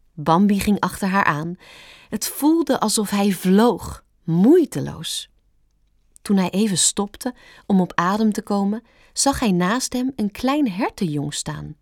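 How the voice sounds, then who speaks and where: Slow, gentle woman reading a storybook. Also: medium pitch, no echo, studio quality. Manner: calm, gentle and expressive. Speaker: narrator.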